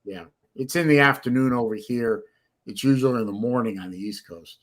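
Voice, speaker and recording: A man's voice: mid-range voice, fairly quick. A man with a faint Boston accent hosting a casual live stream chat, often stopping and repeating words as he thinks. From Boston area, United States. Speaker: livestream host.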